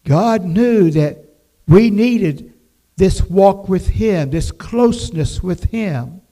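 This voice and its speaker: Older guy preaching slow at a church pulpit, kinda high voice, leans hard on each phrase. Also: expressive, mellow. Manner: slow, emphatic preaching with scripture quotes. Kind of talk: devotional sermon. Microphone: pulpit microphone, far camera.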